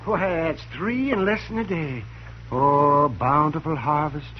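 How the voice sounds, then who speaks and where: An actor playing a sardonic frontier town doctor with a wry, ghoulishly cheerful manner, on an old radio broadcast. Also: male voice, a little high, measured pace, muffled recording, slight background noise, natural voice. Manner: wry, gleeful about gruesome work.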